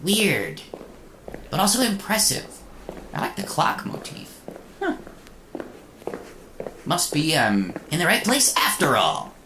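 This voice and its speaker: A woman's voice: low voice, huge pitch swings, slow pace, long pauses, background noise, exaggerated voice. A woman playing a plucky, sarcastic robot boy hero in a comedic radio serial, chatty and wry. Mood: cocky, bemused. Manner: wry, chatty, stammering when rattled. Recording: roomy echo, music underneath.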